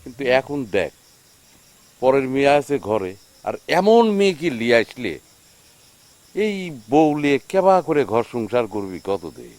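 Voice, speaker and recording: A man's voice: medium pitch, big pitch swings, a little slow, long pauses, darkish tone, dry recording. An actor playing an exasperated young village man, pleading and agitated. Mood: weary.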